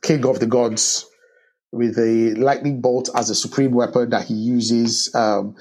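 A man with a husky voice recapping a film in casual chat, halting with many restarts. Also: mid-range voice. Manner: halting, many restarts and ums, animated when joking. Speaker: podcast co-host recapping a film. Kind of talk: casual movie discussion.

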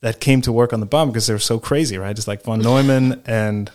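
A man hosts a casual interview in a middling voice. He is friendly and chatty, often dropping in quick "yes" replies while his guest talks. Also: mid-range voice, steady tone, darkish tone. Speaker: podcast host.

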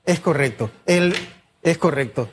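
Panamanian man, interview guest, legal expert, slightly high voice, formal and measured, faint hiss. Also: expressive. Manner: measured, formal explanations with hesitations. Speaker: guest, former electoral prosecutor. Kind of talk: news interview.

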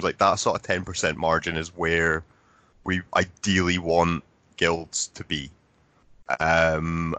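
A man guesting on a podcast as a game designer, explaining changes in a relaxed, jokey way. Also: low voice, no echo. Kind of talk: casual podcast chat.

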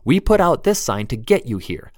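A man voicing a small, bold young woman who gives brisk, commanding orders. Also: mid-range voice, sing-song, a little mellow, no room sound, clean studio sound, pitched above the performer's own voice, lightly acted.

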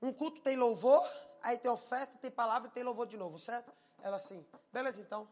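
A man preaching a sermon, telling a personal testimony and swinging from hushed tones to shouting. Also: very high voice, fast talker.

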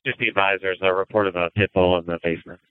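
A man's voice: low-pitched, steady tone, fast, noisy background. A man acting as fire incident commander, giving businesslike orders over the radio. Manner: businesslike, directive. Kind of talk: fireground radio dispatching. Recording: narrow, phone-like radio audio.

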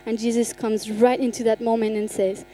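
A young adult woman pastor telling a personal testimony in a sermon, acting out the conversations with animated storytelling. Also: on the high side, normal speed, rough recording. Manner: animated storytelling, acts out dialogue. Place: church.

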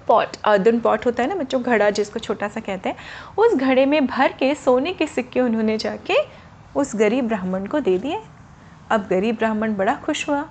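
A woman telling a story to children in a gentle manner, explaining words simply as she goes. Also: fairly high pitch, a little hiss or hum.

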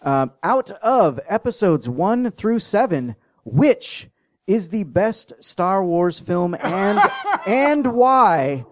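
A man's voice: high-pitched, big pitch swings, extremely slow. A man hosting a live comedy debate show, joking and teasing the contestants and audience.

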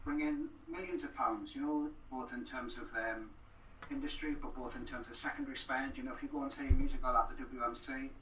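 A man with a medium-pitched, fairly even voice talks a little fast, sounding pushed and bright. He's an earnest podcast guest in a conversational interview, repeating phrases for emphasis. The recording is roomy, with a distant mic and faint noise.

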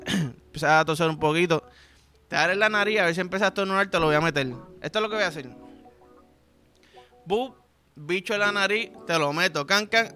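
A man's voice: on the high side, pushed and bright. A young Puerto Rican man hosting a podcast, telling a crude comic story in a casual monologue with acted sound effects. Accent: Puerto Rican Spanish. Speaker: podcast host.

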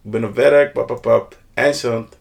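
A man's voice: mid-range voice, normal speed, gravelly. Geanimeerde man die losjes verhalen vertelt. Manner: animated, slangy, mixes in English phrases and sound effects. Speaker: podcast co-host. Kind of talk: casual storytelling chat.

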